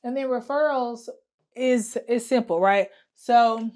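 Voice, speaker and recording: Chatty woman thinking aloud, fairly high. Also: slow, a little mellow. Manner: chatty, thinking aloud with many fillers and restarts; hums to herself while working at the wall. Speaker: travel business owner vlogger. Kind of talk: casual talking-to-camera planning vlog.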